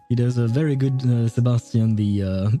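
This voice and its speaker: A man's voice: medium pitch, dark tone. A man giving casual game commentary as a streamer, in an amused, hesitant, rambling way. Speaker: gaming streamer playing through a story.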